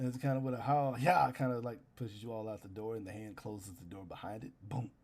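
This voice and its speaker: A man's voice: on the low side, fairly even intonation, brisk, a little mellow. A man narrating a tabletop game as game master, improvising in a casual, slangy way.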